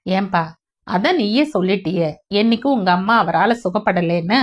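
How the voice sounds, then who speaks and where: A woman's voice: mid-range voice, moderate pace, close to an everyday voice. A woman reading the lines of a blunt, irritated middle-aged man in an audiobook, speaking with a raised voice. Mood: annoyed.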